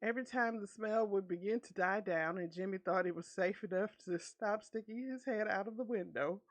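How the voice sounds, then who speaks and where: A VTuber streamer reads an online story aloud, adding her own commentary and laughing often between lines. Her voice is medium-pitched and moderately paced.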